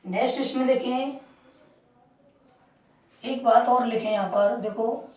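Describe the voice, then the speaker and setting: A woman teaching English grammar with an Indian English accent, dictating each phrase very slowly and quizzing her listeners as she goes. Her voice is mellow and set back from the mic in an echoey room. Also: on the high side, distant mic. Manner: slow, dictating phrases and quizzing with rhetorical questions. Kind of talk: classroom lesson, slow dictation.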